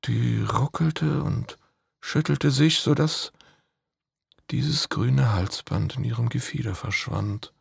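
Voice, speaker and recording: A man telling a fairy tale in slow, measured narration with hushed dramatic pauses. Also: mid-range voice, creaky, husky, dry recording, clean studio sound. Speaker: storyteller.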